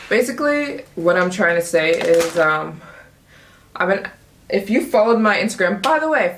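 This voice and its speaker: A travel vlogger in her twenties talks casually to camera in a lowish voice, bubbly and joking, laughing often and hopping between topics. There is a little hiss or hum in the recording.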